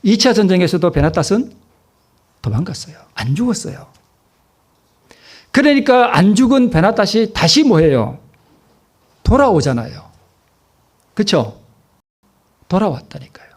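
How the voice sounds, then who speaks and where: Husky, lively Korean pastor preaching. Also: male voice, high voice, normal speed, pauses often. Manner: asks the congregation questions and answers them himself; repeats key phrases for emphasis. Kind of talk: sermon.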